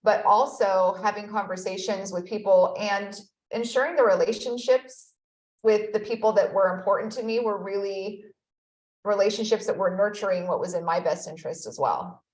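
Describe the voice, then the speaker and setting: A woman in her thirties, an accountability expert, appears as a guest in a conversational interview and tells her story in an earnest, reflective way, often saying "you know." Her voice is mid-range at a normal speed. The recording is reverberant and rough.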